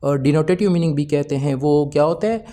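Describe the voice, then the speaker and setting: Mellow-voiced man explaining exam answers. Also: fairly high pitch. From Pakistan. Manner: explanatory, asks and answers his own questions, reads English items slowly. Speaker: English teacher.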